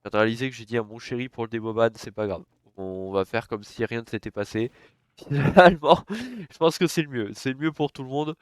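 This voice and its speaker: This gaming YouTuber is a young man whose cold leaves his nose stuffed up. He commentates his gameplay in a chatty, cursing way, breaking into sudden excited yelps, and his mid-range voice is brisk with no echo.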